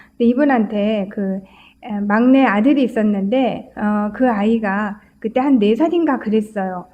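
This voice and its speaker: A woman's voice: a little high, darkish tone, muffled recording. A woman pastor giving a sermon, telling stories conversationally with frequent filler sounds.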